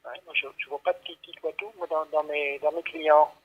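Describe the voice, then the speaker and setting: On a dull, lo-fi phone line, a man on the staff of a vet clinic takes a call in unscripted conversation, hesitating, stammering and repeating himself as he patiently explains. His voice is on the high side, fairly quick and fairly even in intonation.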